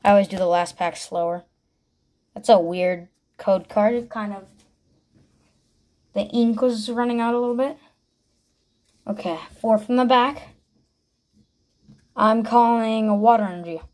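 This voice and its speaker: Slow-talking woman calling out cards. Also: mid-range voice, fairly even intonation, a little mellow. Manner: calls out each card by name in short bursts, thinking aloud. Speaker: vlogger opening trading card packs. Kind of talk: casual unboxing commentary.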